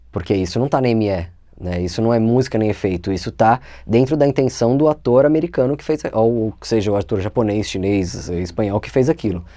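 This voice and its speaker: A man with a São Paulo Brazilian accent, calmly explaining as a voice actor guest in an interview. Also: medium pitch, dry recording, clean studio sound. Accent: São Paulo Brazilian Portuguese.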